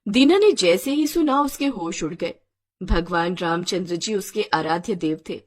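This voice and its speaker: A woman narrating an animated folk story in a dramatic, expressive storytelling style. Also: on the low side, normal speed.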